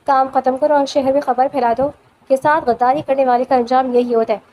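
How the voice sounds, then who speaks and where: A woman voicing a cold, ruthless male crime boss who speaks slowly and with menace. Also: sits high, steady tone, muffled recording, a little hiss or hum, natural voice. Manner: slow, icy and menacing.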